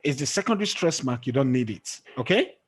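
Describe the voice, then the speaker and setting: In an online tutoring session on English pronunciation, a man with a husky, mid-range voice talks a little fast with lively intonation. He regularly tosses in "okay?" to confirm his student understands.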